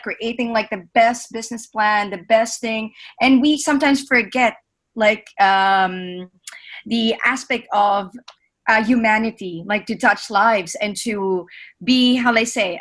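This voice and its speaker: A woman's voice: on the high side, a little slow, fairly bright tone. A woman speaking at a webinar, answering an audience question in a conversational way with many fillers.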